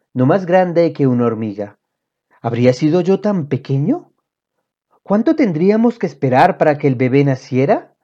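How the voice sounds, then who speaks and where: A woman reading a children's book aloud in an expressive storytelling manner. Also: low-pitched. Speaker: reader. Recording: dull lo-fi audio.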